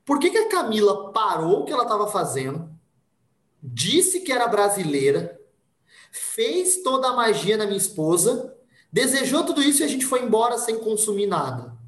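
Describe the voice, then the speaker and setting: A man from Brazil telling a personal story in casual conversation, with lively delivery and voices acted out for the people in it. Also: sits high, moderate pace, roomy sound. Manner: animated, acts out voices in anecdotes. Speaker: podcast guest.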